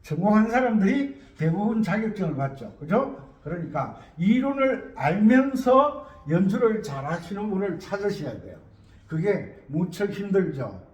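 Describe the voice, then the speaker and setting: A man's voice: high voice, very animated, moderate pace, a little mellow, reverberant. A man teaching a music theory lesson, repeating key words and asking rhetorical questions.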